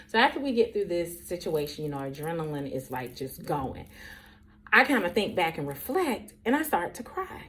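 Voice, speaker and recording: A woman in her forties, a teacher, telling a story in an animated, chatty way and talking straight to her viewers. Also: low voice. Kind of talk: casual storytelling vlog.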